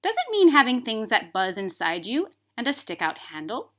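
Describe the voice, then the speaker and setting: A woman's voice: a little high, wildly swooping pitch, moderate pace, a bit bright. A woman voicing a shy, naive little toy rabbit full of curiosity, in a storybook read-aloud. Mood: curious, timid.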